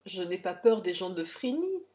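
A woman's voice: lowish voice, sing-song, normal speed, mellow. Brief: pompous blustering officer, voiced by a woman, indignant, easily cowed. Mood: faint. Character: pompous English captain, blustering then cowed.

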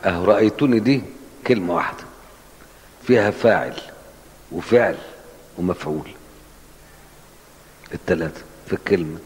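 A man's voice: low voice, expressive, normal speed, pauses often. A man with an Egyptian Arabic accent teaching hadith in a colloquial, explanatory way and asking his class questions. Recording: long hall reverb.

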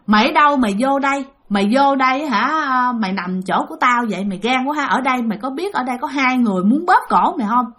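A woman's voice: high-pitched, animated, fast, hardly any pauses, a bit bright. A woman voicing a menacing male ghost who grins and taunts a sleeper. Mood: taunting. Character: grinning male ghost with small fangs, menacing.

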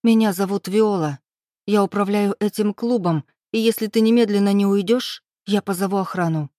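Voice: mid-range voice, measured pace, dry recording, studio quality, close to an everyday voice. An audiobook reader voicing a proud, wounded young woman who speaks curtly and bitterly, her voice raised above the reader's own. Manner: curt, bitter, rising to shouts.

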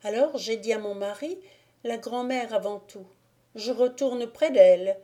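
A woman voicing a gentle, innocent young peasant woman who speaks softly, in an audiobook. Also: a little high, measured pace, voice pushed up, close to an everyday voice. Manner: soft and gentle. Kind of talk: audiobook character reading.

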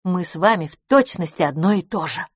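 A woman reading the part of a confident, boastful beauty salon owner in an audiobook, speaking briskly and emphatically. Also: on the low side, expressive, husky, no room sound, studio quality.

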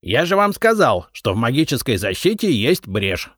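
Brash, smug treasure-finder, voiced by a man, lively and bouncing, dry close mic. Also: medium pitch, moderate pace, breathy edge, no echo, pitched above the performer's own voice. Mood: defiant, cocky. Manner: defiant, argumentative. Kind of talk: audiobook character reading.

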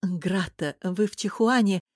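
A woman reading an audiobook who voices a plump, fussy male court tailor, excitable and quick to take offence. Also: mid-range voice, no echo, studio quality, natural voice. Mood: indignant. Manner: excitable, indignant, flustered. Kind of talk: audiobook character voice.

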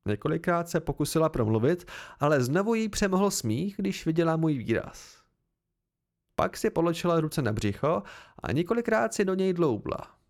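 A man's voice: a little high, sing-song. A man reading a novel aloud as an amateur audiobook, telling it in the first person with expression. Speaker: audiobook reader.

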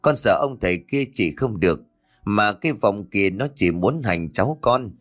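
A man's voice: lowish voice, expressive, moderate pace, lightly acted. A man voicing a desperate, tearful elderly woman's ghost who begs for help in a storybook reading. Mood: pleading. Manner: begging, tearful.

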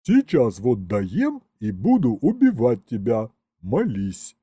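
A man voicing a stern, loud elderly woman bookkeeper who scolds and bellows in an audiobook. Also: mid-range voice, huge pitch swings, takes it slowly, husky, no echo, heavily acted. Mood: scolding.

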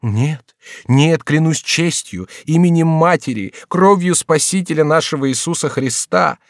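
A man's voice: a little high, unhurried, no echo, clean studio sound, voice pushed up. Man voicing a scheming queen mother. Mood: coaxing. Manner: falsely tender, imploring tone. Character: scheming aging queen mother, pleading and commanding.

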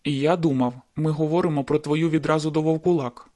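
A woman's voice: low voice, fairly even intonation, fairly quick, dark tone, pitched below the performer's own voice, natural voice. A woman voicing a hot-tempered young male werewolf in an audiobook, with clipped, bitter retorts. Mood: hopeful.

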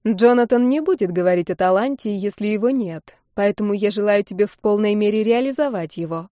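A woman's voice: mid-range voice, brisk, no echo, studio quality, lightly acted. A woman voicing a famous woman singer who speaks kindly and encouragingly in an audiobook. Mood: gracious. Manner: warm, encouraging.

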